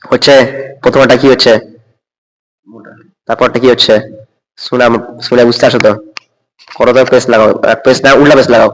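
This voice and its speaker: Patiently teaching a learner to read the Quran, a man goes letter by letter and vowel mark by vowel mark, then recites in a drawn-out way, asking "okay?" again and again to check understanding. His voice is medium-pitched and steady, in a rough recording with a long reverb tail.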